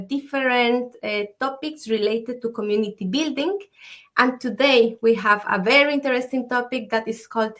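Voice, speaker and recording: Female host, fairly high voice, halting delivery full of fillers, conversational. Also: fairly bright tone. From Ecuador. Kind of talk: conversational online talk.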